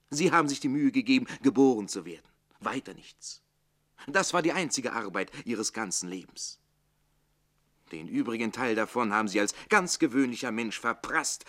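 Figaro, bitter low-voiced servant. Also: male voice. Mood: bitter, indignant. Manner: declamatory, rhetorical, shifting between hushed and forceful. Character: jealous, defiant servant Figaro, bitter and witty. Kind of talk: theatrical German radio play acting.

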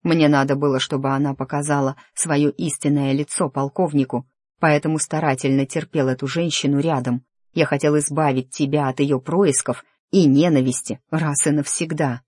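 A reader voicing a tense, stubborn young nobleman in an audiobook, speaking slowly and with restraint. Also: mid-range voice, steady tone, darkish tone, husky, no echo, lightly acted. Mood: insistent. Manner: restrained, clipped, slow. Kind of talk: audiobook character dialogue.

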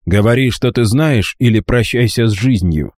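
A man's voice: mid-range voice, animated, normal speed, warm tone, no room sound, studio quality, voice pushed up, lightly acted. A man voicing a grave, commanding nobleman who threatens and pleads urgently, in an audiobook. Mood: stern.

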